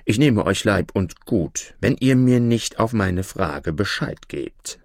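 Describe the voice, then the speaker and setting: A stern, overbearing judge barks his demands in a low, gruff voice, voiced by a man. He speaks slowly and with plenty of swing in his tone. The reading is dry and close. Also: animated, dry recording, exaggerated voice. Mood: domineering. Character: stern, domineering middle-aged male judge.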